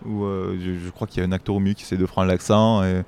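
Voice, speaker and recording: A man's voice: low voice, little pitch movement, quick pace, a little mellow, smooth. A man hosting a film review show, chatting casually in an indignant, rambling way with many restarts. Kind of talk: casual chat.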